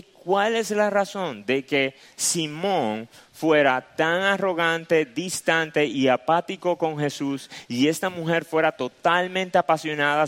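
A man preaches a sermon and walks the listeners through a passage point by point. He repeats his key phrases for weight, in a voice pitched on the high side. Long reverb trails each phrase, as in a large hall. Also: a bit bright.

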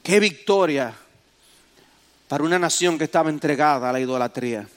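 A man with a notably high voice delivers a sermon. His preaching is dramatic, and his voice swells to loud exclamations. He turns to the congregation with direct questions. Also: brisk.

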